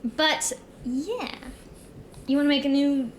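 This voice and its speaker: A young woman with a high voice streams in a cute, bubbly anime-streamer manner. She chats casually with her co-host and viewers, over some background noise. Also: animated, takes it slowly. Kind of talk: casual livestream chat.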